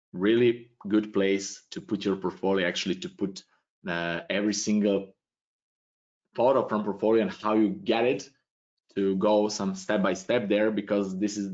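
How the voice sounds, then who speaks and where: A man's voice: lowish voice, a little mellow. Serbian-accented man on a muffled stream. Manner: loose, thinking aloud, non-native phrasing. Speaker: webinar presenter answering questions. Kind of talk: live tutorial Q&A. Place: small home room indoors. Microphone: webcam video call. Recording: dull lo-fi stream audio.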